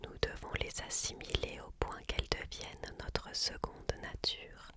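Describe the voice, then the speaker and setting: Someone reading a book in a quiet library whisper, really slow, crisp bright hiss to it, asmr. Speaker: ASMR reader.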